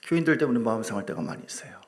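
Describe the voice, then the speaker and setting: A middle-aged man preaching a sermon as a pastor in a church, lively and joking with his congregation. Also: mid-range voice, racing. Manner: animated preaching with humor, asides to the congregation. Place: church sanctuary.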